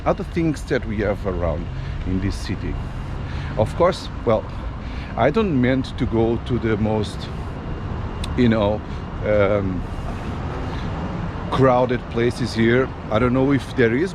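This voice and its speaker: A man's voice: mid-range voice, expressive. Guy filming a walking tour outside, lots of uhs and ums, street noise going on behind him. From Portugal. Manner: unhurried, many fillers and restarts. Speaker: travel vlogger. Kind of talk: casual walking tour vlog. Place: outdoors on city streets.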